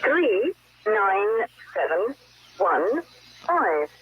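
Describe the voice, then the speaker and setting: A woman's voice from a shortwave numbers station broadcast, reading groups of numbers in a slow, mechanical way, played back from a phone. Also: medium pitch, breathy edge. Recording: muffled lo-fi shortwave radio clip.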